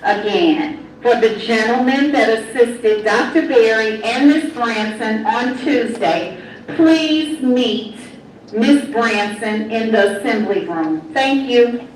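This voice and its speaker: A woman from the school staff making a polite, formal announcement over the school intercom loudspeaker and repeating the message. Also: a little high, slow, a little hiss or hum. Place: classroom, heard over a wall speaker. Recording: echoey intercom speaker from far off.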